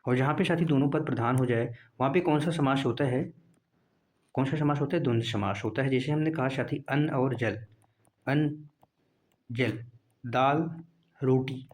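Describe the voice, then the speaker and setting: A man's voice: mid-range voice, darkish tone. Man teaching an exam-prep lesson. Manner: repeats answers, asks and answers his own questions.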